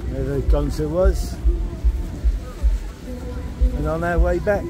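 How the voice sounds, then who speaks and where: A man casually narrating his travel vlog while walking at night, relaxed and rambling. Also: fairly high pitch, slow pace, music in the background. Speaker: vlogger. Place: outdoors at night on city streets. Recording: noisy street recording. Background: street traffic noise.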